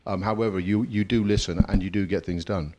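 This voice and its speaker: Low, halting man on a supporters committee. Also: steady tone, warm tone. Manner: halting, measured, frequent restarts. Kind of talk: answering at a fans forum.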